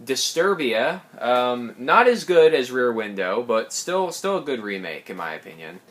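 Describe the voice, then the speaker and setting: A young man, slightly hoarse, chatting casually through his film collection with quick asides and self-corrections. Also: mid-range voice, sing-song, fairly bright tone. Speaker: collector showing his films.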